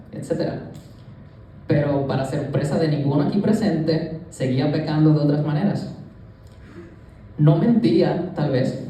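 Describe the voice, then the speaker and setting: Speaking earnestly and directly to the congregation, a young Puerto Rican youth leader shares his testimony in a church sanctuary. His mellow voice sits on the high side, heard from afar in the echoey hall amid slight background noise.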